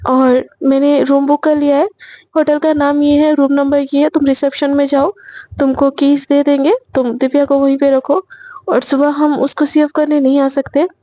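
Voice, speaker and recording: A firm middle-aged mother, as a woman storyteller puts her on, gives curt orders. Her voice drops lower than the teller's own, yet stays high and soft. It sounds dry and near. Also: level tone, normal speed, no echo, lightly acted. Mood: commanding. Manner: curt, commanding.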